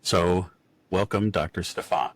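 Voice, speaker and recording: Very deep-voiced enthusiastic male podcast host. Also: fairly even intonation, a little slow. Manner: enthusiastic, chatty. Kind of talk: casual podcast interview.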